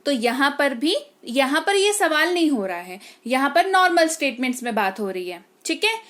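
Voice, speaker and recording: A woman's voice: high voice, sing-song, moderate pace, fairly bright tone. A woman teaching a language lesson, spelling words out letter by letter and often checking "okay?" with her students. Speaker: English teacher.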